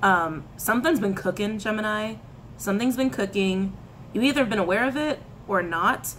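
A tarot reader in her thirties, with a mid-range voice at normal speed, sits in a small room facing a camera that frames her head and shoulders. She's casual and chatty, using lots of hand gestures, laughing often and repeating phrases, with slight background noise.

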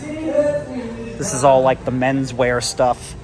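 A man vlogs his walk through a large indoor store on a handheld camera, chatting, thinking aloud and easily impressed by what he sees. His medium-pitched voice swings hugely in pitch at a slow pace, with store music and a crowd audible behind him.

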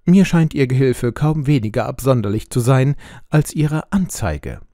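A man voicing a sharp, lecturing middle-aged detective in an audiobook, explaining things precisely. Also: mid-range voice, moderate pace, dry recording, clean studio sound, lightly acted. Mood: wry. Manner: precise, explanatory, lively intonation. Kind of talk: audiobook role reading.

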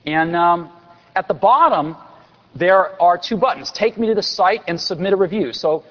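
Man presenting a product keynote, enthusiastic, slightly high voice, long hall reverb, dull lo-fi sound. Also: expressive, moderate pace, a bit bright. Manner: enthusiastic, salesmanlike, dry sarcasm. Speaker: company executive presenting on stage. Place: large convention hall stage.

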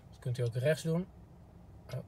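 A man gives a friendly, informal instructional demo as a car product expert, recorded from inside a parked car. He has a warm, medium-pitched voice and a moderate pace, and the background is clean.

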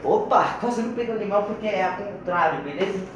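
A man's voice: sits high, lively intonation, quick pace. A teenage boy with a Brazilian accent chats casually and slangily to the camera as he hosts a challenge video, often repeating himself. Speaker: video blogger hosting a challenge. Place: small tiled home kitchen, indoors. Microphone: phone camera at about arm's length. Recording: echoey tiled kitchen, clearly noisy phone audio.

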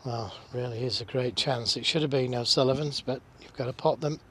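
A man's voice: mid-range voice, fairly even intonation, a little fast, fairly bright tone, a little hiss or hum. A man giving analytical snooker commentary during a match.

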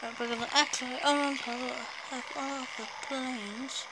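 A woman giving rambling, excitable commentary to herself while playing a flight game. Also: high voice, normal speed, background noise. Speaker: gameplay video creator. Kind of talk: casual gameplay commentary.

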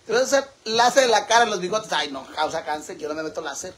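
A man's voice: high-pitched, animated, quick pace, a bit bright. A man with a Mexican accent hosting a casual livestream, flamboyant and campy as he answers viewer comments and laughs often. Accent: Mexican Spanish.

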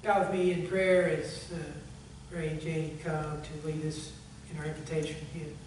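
A man preaching a sermon as pastor, telling a story in a conversational way and closing in soft prayer. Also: a little high, completely flat delivery, normal speed. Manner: conversational storytelling, earnest appeal, fading to hushed prayer. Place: church sanctuary. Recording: echoey church hall, far from mic, faint hum.

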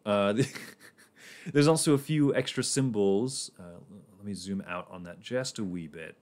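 A man's voice: fairly low pitch, a little slow, a little mellow. A man casually talking through his moves in a board game on a livestream, rambling and laughing often.

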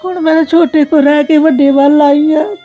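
A woman with a Punjabi accent playing a grieving elderly mother who has been neglected by her sons, speaking in a tearful, gravelly voice. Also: high voice, fairly even intonation, normal speed, warm tone, soft background music, lightly acted. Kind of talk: Punjabi family drama acting.

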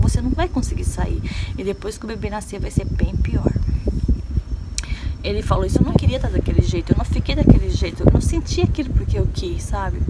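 A woman's voice: medium pitch, heavy background noise. A woman from Brazil, a vlogger, talking earnestly and confidingly in a personal confessional video, often checking in with her viewers. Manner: earnest, confiding, tags lines with "sabe?" and "né?".

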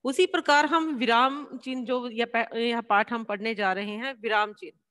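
A woman teacher giving a classroom lesson, explaining slowly and answering her own questions. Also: on the high side, fairly even intonation, fairly bright tone, long reverb tail. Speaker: school teacher.

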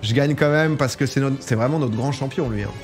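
A man's voice: medium pitch, brisk, soft background music. A man casually commenting while he plays a strategy game, chatting and reading game text aloud. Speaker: gaming streamer. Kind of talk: casual let's-play commentary.

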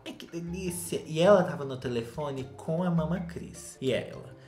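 A man's voice: normal speed, darkish tone. A young man with a Brazilian Portuguese accent recapping a reality show in a campy, dramatic gossip style. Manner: campy, dramatic, acts out quotes in shrill voices. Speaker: reality TV commentator. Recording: roomy echo, faint background music.

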